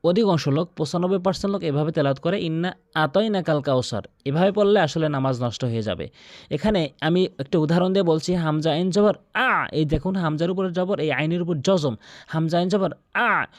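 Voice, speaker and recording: A man with a Bangladeshi Bengali accent teaching Quran recitation rules. He explains slowly, repeats each rule and chants verses long and high. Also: no echo, clean studio sound. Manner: repeats instructions and appeals for likes. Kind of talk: tajweed lesson with chanted recitation.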